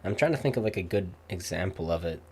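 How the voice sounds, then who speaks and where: A young man chatting casually, rambling with many fillers and pauses. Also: sits low, animated, a little hiss or hum. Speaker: streamer. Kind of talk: casual chat.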